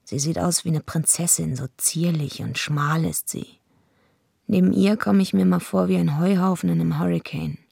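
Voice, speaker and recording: An actress playing a tough, surly wrestling villainess who tells her own story in a radio play, blunt and deadpan, with a raspy, gravelly voice. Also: fairly low pitch, moderate pace, no echo, clean studio sound, full character voice. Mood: brooding, confiding. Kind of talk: first-person radio play narration.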